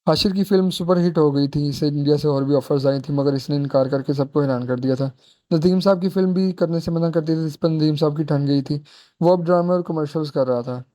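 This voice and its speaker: A man narrating a romance novel aloud in a steady storytelling way. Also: on the high side, brisk. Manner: steady storytelling, with small restarts.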